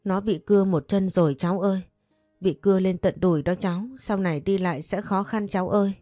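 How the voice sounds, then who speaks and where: A woman voicing a tearful older mother who speaks slowly and brokenly in her grief. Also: medium pitch, fairly even intonation, warm tone, dry recording, faint music behind, lightly acted. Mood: grieving. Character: grieving, weeping older mother.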